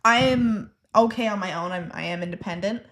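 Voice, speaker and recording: A woman's voice: medium pitch, brisk, fairly bright tone, a little hiss or hum. A woman in her twenties co-hosting a podcast, rambling and trailing off mid-thought in casual chat. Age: 20s. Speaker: podcast co-host.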